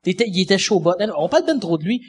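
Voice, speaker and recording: A man's voice: sits high, big pitch swings, fast, slightly rough. A man, a comedian guest, teasing and chiming in during a casual chat.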